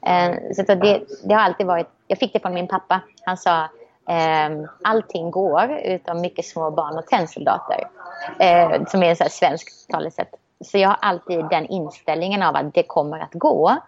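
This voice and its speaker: A woman's voice: fairly low pitch, steady tone, vocal fry. A woman talks in a reflective, optimistic way, often restarting her thoughts. The recording sounds a bit dull. She speaks as a guest in a casual conversation.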